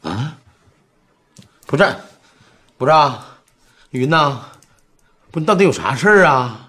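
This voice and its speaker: 一名男演员饰演一位急躁的中年老板，操东北口音，说话直来直去，带着不耐烦的责备。. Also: male voice, medium pitch, sing-song, takes it slowly, pushed and bright, exaggerated voice. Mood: exasperated. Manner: blunt, exasperated scolding. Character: impatient middle-aged male boss, brusque but worried. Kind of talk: TV series acting.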